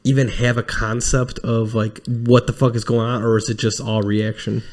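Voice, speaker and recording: A man co-hosting a casual podcast chat, animated and swearing freely as he riffs. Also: mid-range voice, moderate pace. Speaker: podcast co-host.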